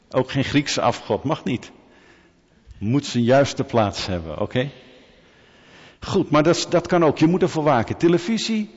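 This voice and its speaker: Male preacher, chatty, jokey asides to his flock, long hall echo, dull muffled sound. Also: lowish voice. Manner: lively storytelling preaching with humorous asides to the congregation. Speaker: pastor. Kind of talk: sermon.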